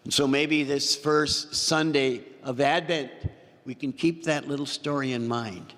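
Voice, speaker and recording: A man's voice: mid-range voice, steady tone, unhurried, fairly bright tone. A man preaching a homily as pastor, telling a story and repeating phrases for emphasis. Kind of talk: sermon. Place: church. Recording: long church reverb.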